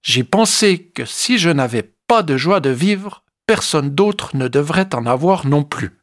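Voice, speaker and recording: A storyteller voicing a proud, grumpy and lonely male ibex who grumbles slowly in a low voice. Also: lively intonation, natural voice. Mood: sorrowful.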